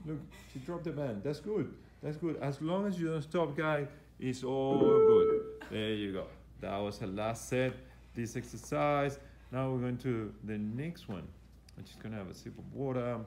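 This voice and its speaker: A male fitness coach commentates on an exercise demonstration from behind a handheld camera in an echoey gym. He instructs hesitantly, often repeating phrases, at a middling pitch, with faint noise in the background. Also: normal speed, gravelly. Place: indoor gym. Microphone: handheld camera operated by the speaker.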